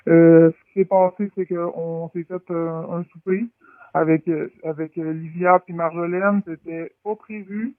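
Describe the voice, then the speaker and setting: A man speaks through an electronic voice disguise that pushes his pitch up, and he stammers defensively as a radio caller. The sound comes over a thin, dry phone line. It is clipped and tinny, with no room around it. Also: fairly even intonation, a little slow, no room sound. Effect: electronically disguised voice, pitch-shifted.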